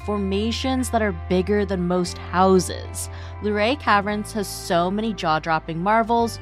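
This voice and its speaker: A woman with a mid-range voice narrates a scripted advertisement. She speaks as an announcer, with faint music underneath. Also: mid-range voice.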